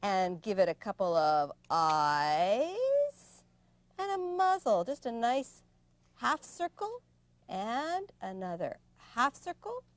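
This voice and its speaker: A woman hosting a children's craft show, gently explaining each step of making an animal. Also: fairly high pitch, huge pitch swings, dry recording. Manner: slow, gentle step-by-step instruction.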